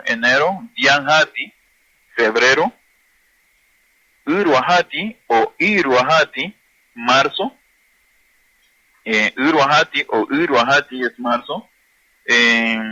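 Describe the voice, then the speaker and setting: A man teaching a language class, slowly repeating and drilling words for his listeners. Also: medium pitch, sharp tone, muffled recording. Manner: slow, repetitive drilling of words.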